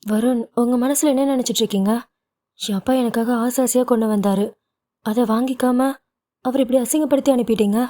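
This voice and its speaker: A woman's voice: fairly high pitch, level tone, moderate pace, long pauses, warm tone, natural voice. A woman voicing a loving, emotional young wife who pleads and argues with feeling. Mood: angry.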